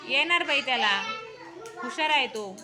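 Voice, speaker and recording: A woman's voice: high-pitched, lively intonation, moderate pace, crowd noise. A woman teaching young children in a classroom, coaxing answers with repeated short questions. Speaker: primary school teacher.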